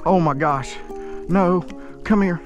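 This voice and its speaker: A man in his thirties fishing from a kayak outdoors, shouting excited commentary into an action camera as he hooks fish. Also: high voice, takes it slowly, lo-fi sound, soft background music. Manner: exclaims loudly while fighting fish. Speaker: fishing video host. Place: kayak on open water outdoors.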